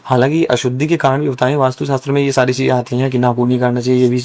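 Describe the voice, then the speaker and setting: A man's voice: medium pitch, little pitch movement, very fast, darkish tone. A young man, a priest by calling, explaining at length and earnestly in a casual podcast conversation. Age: young adult. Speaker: guest, young Brahmin priest.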